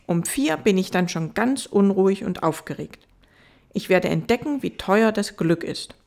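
A woman voicing a gentle, wise fox in an audiobook, earnest and patient as it explains. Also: mid-range voice, lively intonation, normal speed, vocal fry, voice pushed up.

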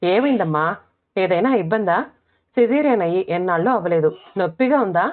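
A woman narrator voicing a fond middle-aged mother who fusses and gently scolds her grown daughter. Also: lowish voice, expressive, fairly quick, lightly acted. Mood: fussing. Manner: gentle, fussing, scolding softly. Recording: tinny phone-like audio.

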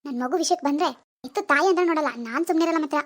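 A grieving young woman in a cartoon drama, voiced by a woman who is convinced her baby is still alive. Her voice sits lower and softer than the others, and she talks in a childlike, dreamy sing-song that turns stubborn. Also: rapid-fire, lightly acted. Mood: defiant. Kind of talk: animated family drama voice acting.

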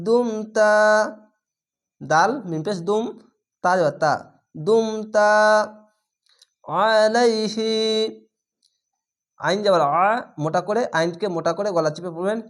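Instructor for a recitation lesson, mid-pitched, who spells out letters and then drawn-out chants each word. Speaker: Quran reading teacher.

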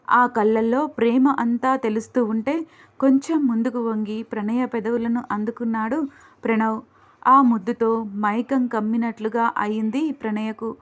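A woman reading a romantic suspense story aloud in a steady, measured way. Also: on the high side. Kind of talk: scripted story narration. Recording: dull lo-fi recording.

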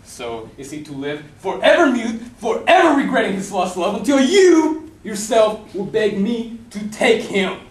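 Casting: young man as sardonic, gloating Death on stage; higher-set voice that swings widely, heard from afar. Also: very animated, a little slow, hardly any pauses. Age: young adult. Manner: gloating, sardonic, laughs often. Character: Death, a mocking, theatrical, cunning male personification. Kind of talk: amateur stage play acting. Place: indoor theatre stage. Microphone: distant camera. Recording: echoey stage, distant camera mic, noisy.

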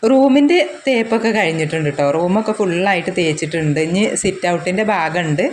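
A woman's voice: lowish voice, slight background noise. A woman from the region with a cold and sore throat, chatting casually to viewers while cooking in her home kitchen, filmed on a handheld phone. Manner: chatty, warm address to viewers as friends, frequent tag words. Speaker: vlogger, mother.

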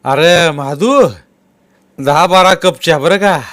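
A man voicing an older village headman who calls out loudly to his servant. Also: a little high, slow, no echo, pitched above the performer's own voice. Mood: hearty.

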